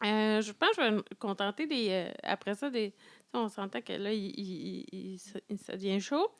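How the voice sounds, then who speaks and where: A woman's voice: medium pitch, normal speed, gravelly. A woman with a Quebec French accent, co-hosting a casual book-club podcast and talking hesitantly, with many restarts. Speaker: podcast co-host.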